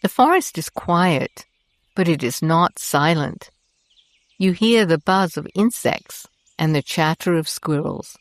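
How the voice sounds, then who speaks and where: A woman leads a meditation in a low voice, moving at a very slow pace with a gentle, soothing, deliberate and animated delivery. There's no room echo; the sound is dry and close-miked.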